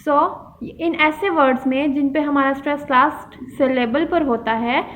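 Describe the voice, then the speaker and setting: A woman teacher giving an English grammar lesson, reading sentences slowly and carefully and explaining them. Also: high-pitched, steady tone, poor audio. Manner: reads English slowly and deliberately, explains in Hindustani.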